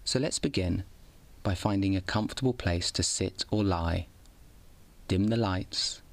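A man with a low voice guides a bedtime meditation in the manner of a sleep story narrator. He gives each instruction calmly and without hurry, keeping a soothing tone. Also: creaky. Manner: calm, soothing, unhurried instruction.

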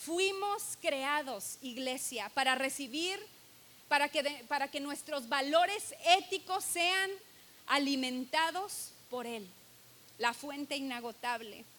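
A woman's voice: sits high, takes it slowly, bright, forceful tone. A woman preaching a sermon to her church, earnest and emphatic, stressing key words and reading scripture aloud.

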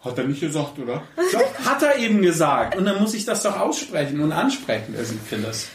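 A man's voice: on the high side, fairly quick, far from the mic, a little hiss or hum. A man hosting a podcast, talking in a casual, emphatic and blunt way. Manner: animated, emphatic, with blunt colloquial remarks. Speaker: podcast host. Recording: echoey room, set back from the mic.

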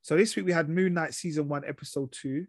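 A man's voice: fairly high pitch, fast, no echo. London man, slangy roadman talk, dry close sound. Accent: London, urban street slang. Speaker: podcast host. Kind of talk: casual TV review chat.

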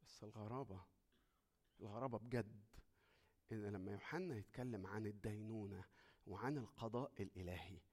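A man with an Egyptian Arabic accent preaches in a lowish voice, fairly quick but with long pauses. He swings from hushed, intimate talk to loud, fervent preaching, posing questions and answering them himself.

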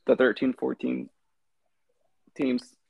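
A man's voice: mid-range voice, flat delivery, slow, vocal fry, husky, no echo, phone-quality sound. A man co-hosting a casual sports podcast, talking in a loose, rambling way. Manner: loose and rambling, frequent restarts. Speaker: podcast co-host.

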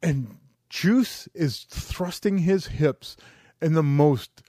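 Male podcast co-host, casual and excitable, swears freely, acts out quotes, dry recording. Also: fairly high pitch, extremely slow, dry recording. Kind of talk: casual chat.

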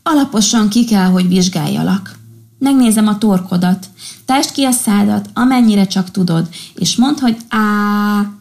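A woman voicing a kind, tired little female sea doctor who gently scolds her patients in a storybook. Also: medium pitch, creaky, pitched above the performer's own voice, lightly acted. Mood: gentle, caring.

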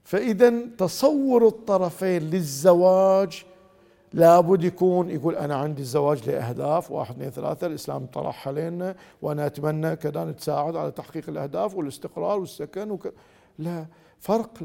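A man's voice: high-pitched, vocal fry, long reverb tail. A man with a Gulf Arabic accent giving a religious lecture on marriage, acting out quoted husbands and wives as he goes. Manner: acts out quoted spouses in lively dialogue.

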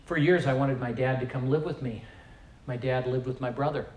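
A man's voice: medium pitch, steady tone, a little fast, a little mellow. An older man preaching a sermon, telling stories earnestly and building to fervent emphasis.

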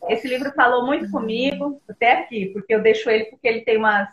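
A woman's voice: a little high, fast, roomy sound, dull audio. A woman, a missionary mother, speaking earnestly about faith in a casual video call interview, with hesitant restarts.

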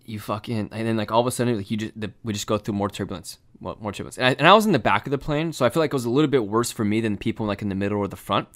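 A young man telling a story in casual chat, animated and swearing, full of fillers. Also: lowish voice, very fast, hardly any pauses.

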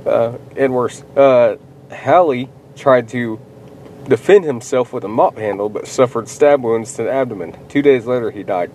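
A man's voice: mid-range voice, normal speed, a little mellow, a little hiss or hum, low-quality recording. A man co-hosting a casual podcast, reading news headlines aloud and laughing often. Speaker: podcast co-host. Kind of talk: casual chat.

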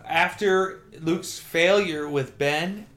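A man's voice: a little high, slow pace. A man co-hosting a casual film review podcast, talking animatedly and swearing now and then. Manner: animated, swears, acts out quotes. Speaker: podcast co-host.

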